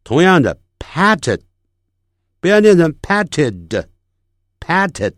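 Man teaching pronunciation, slow and lively. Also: a little high, dry recording, studio quality. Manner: explains steps, then models English words slowly with repetition. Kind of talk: classroom-style pronunciation lesson.

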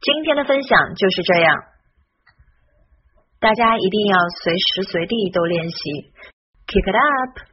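A woman's voice: medium pitch, expressive, a little slow, long pauses, dull audio, slight background noise. A woman teaching English pronunciation, patiently drilling each sound and repeating words for practice. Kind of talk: pronunciation lesson.

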